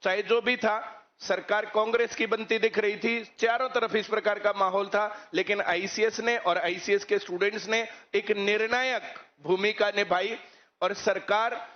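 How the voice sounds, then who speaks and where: A man's voice: high-pitched, steady tone, measured pace. A man, a coaching teacher who lectures students on current issues and keeps asking rhetorical questions. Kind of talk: speech to students. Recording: muffled lo-fi recording.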